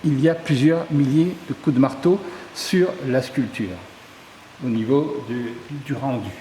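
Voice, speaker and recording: With a warm, medium-pitched voice and an unhurried pace, this southern Ardèche sculptor talks at length about his works in an exhibition interview, pausing in small hesitations. The tourist office hall echoes faintly, with a little hiss or hum.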